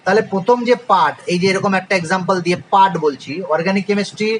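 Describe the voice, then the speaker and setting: A man's voice: high-pitched, very fast, a bit bright, slight background noise, rough recording. A man teaching a chemistry lesson with a Bengali accent, spelling out terms letter by letter and asking and answering his own questions. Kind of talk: classroom lecture.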